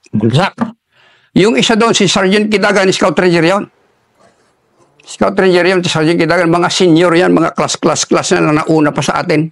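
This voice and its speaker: An older man, an army veteran, telling a war story in an interview in a halting way, with many restarts, and dropping his voice for quoted lines. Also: a little high, gravelly, no echo, clean studio sound. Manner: halting, restarts often while recalling combat.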